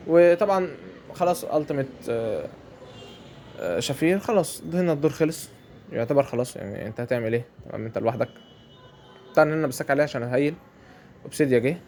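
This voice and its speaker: A man's voice: a little high, darkish tone, slight background noise. A man with an Egyptian Arabic accent giving chatty commentary over a mobile game match, often repeating his phrases. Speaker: gameplay commentator.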